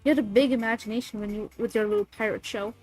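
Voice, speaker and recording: Streaming with a cold, this high-pitched woman sniffles while chatting to viewers and reading creepy stories out loud. She talks fast in a steady tone, bubbly and loose, swearing now and then. The recording is low quality, with faint soft music behind her.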